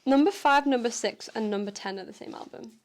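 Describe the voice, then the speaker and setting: A woman co-hosting a casual podcast, relaxed and chatty, who swears casually. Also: a little high, fairly quick. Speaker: podcast co-host. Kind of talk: casual chat.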